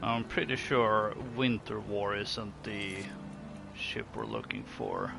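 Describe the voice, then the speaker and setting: Creaky, slow-paced man playing games. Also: on the low side, huge pitch swings. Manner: hesitant, musing, thinking aloud. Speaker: gaming video host. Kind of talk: casual let's play commentary. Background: game music.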